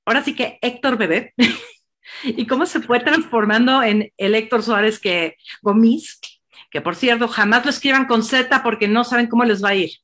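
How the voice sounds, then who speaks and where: A woman's voice: a little high, normal speed, fairly bright tone. A Mexican woman hosting a virtual book presentation, effusive and rambling, with many fillers. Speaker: host.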